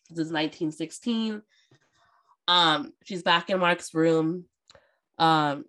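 Woman co-host, bright lively voice, casual book-club chat, laughs a lot. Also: deep voice. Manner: animated, laughing, swearing freely.

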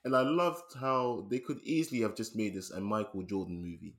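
A British man talks films with a friend in an easy, animated way. He laughs often and trails off into a quieter, lower register when he turns thoughtful. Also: a little fast. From United Kingdom. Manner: animated, laughs often, drops to a low murmur. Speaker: podcast co-host. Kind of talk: casual film review chat.

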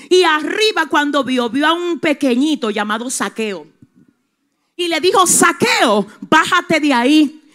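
A woman pastor preaching a sermon with passion, dropping to a hush and rising to shouts as she calls out to the congregation. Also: high-pitched. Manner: impassioned, swings from hushed to shouting.

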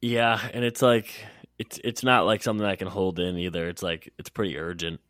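A man's voice: low-pitched, flat delivery, a little fast, fairly bright tone, no echo, studio quality. A man co-hosting a casual sports podcast, sounding nasal while getting over a cold, joking and stammering into his sentences. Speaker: podcast co-host.

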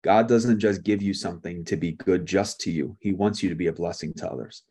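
A man's voice: sits low, brisk, a little mellow, breathy edge. A man preaching a sermon. He speaks casually and tells a personal story, with frequent "like" and restarts. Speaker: pastor.

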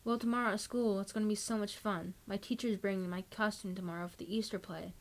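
A woman voicing a frightened young girl in a read-aloud horror story, lifting her pitch for the child. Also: fairly even intonation, fast talker, natural voice. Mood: chatty.

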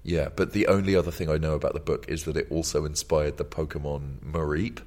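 A man's voice: rumbling low, steady tone, fairly quick, darkish tone. A man co-hosting a podcast, chatting casually about a film, rambling and laughing often. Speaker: podcast co-host.

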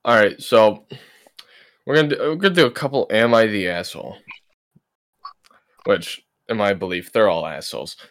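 A man's voice: fairly low pitch, moderate pace, pauses often, a bit bright. A young man co-hosting a casual podcast, joking around and stammering, often repeating his words. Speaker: podcast co-host.

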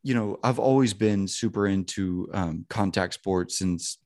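A man's voice: low-pitched, measured pace, darkish tone, no echo, clean studio sound. A man around thirty hosting a casual podcast chat, rambling and profane, leaning on "you know what I mean.". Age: 30s.

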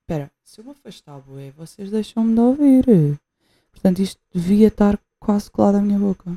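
A young woman with a European Portuguese accent rambles through a casual home vlog, trying out a cheap new USB mic that she keeps repositioning. Her medium-pitched, warm voice moves fairly quickly, the recording is dry, and she fills her talk with hesitations and restarts.

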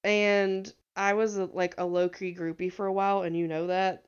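A woman's voice: medium pitch, flat delivery, moderate pace, smooth, dull audio. A young woman from the American South with a Southern accent, co-hosting a podcast and telling a story in a rambling, giggly way. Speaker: podcast co-host. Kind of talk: casual chat.

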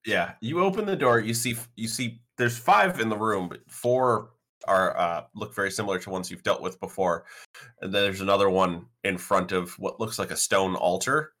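A man's voice: on the low side, normal speed, sharp tone. A man narrating as game master of a tabletop game, hesitant with many fillers.

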